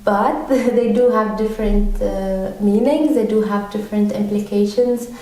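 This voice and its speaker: A woman from Tunisia speaks as a podcast guest with a mellow, dark tone, pausing often on ums and restarting her sentences. She sounds set back from the microphone in a very echoey room. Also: medium pitch, steady tone. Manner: hesitant, many ums and restarts. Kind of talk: conversational interview answers. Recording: very echoey room, mic far off.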